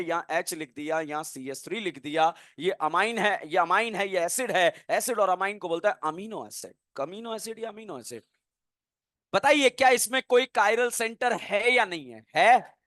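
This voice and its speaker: A man teaching chemistry in a lively classroom lecture, playfully quizzing students with call-and-response questions. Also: sits high, no room sound, studio quality.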